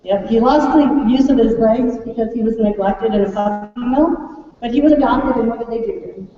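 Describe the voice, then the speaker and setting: An American third-grade teacher presents a class project at a school event, giving a chatty, informal welcome and prompting her audience with questions. Her voice is on the high side and her pace moderate, with faint music in the background. Captured by a distant mic in a large, echoey room, the audio is muffled with faint noise.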